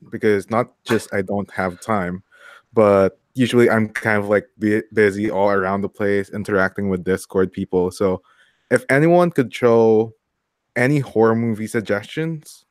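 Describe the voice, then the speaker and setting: A man's voice: fairly low pitch, dry recording. A man co-hosting a show, easygoing, putting questions to his guest. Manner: easygoing, asks questions, quick reactions. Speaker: co-host. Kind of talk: casual chat.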